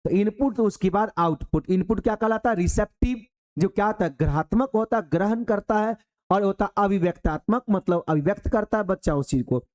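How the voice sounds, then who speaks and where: A man's voice: high-pitched, a little fast, a little mellow. A man giving a Hindi exam-prep lesson in a colloquial way, asking the class a question and then answering it himself. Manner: colloquial, addresses listeners as "babu".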